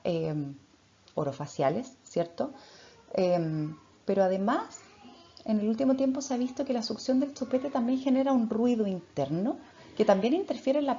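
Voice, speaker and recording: Woman therapist, warm gravelly tone, explains patiently, slightly dull recording with faint noise. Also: mid-range voice. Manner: explanatory, checks in often with tag questions. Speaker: speech therapist. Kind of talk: talk giving parenting advice.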